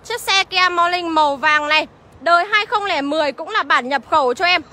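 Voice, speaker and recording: A woman's voice: very high voice, a little fast, bright, forceful tone. A woman with a Northern Vietnamese accent livestreaming from a used car lot, chattily rattling off car features and prices. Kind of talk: livestream sales pitch.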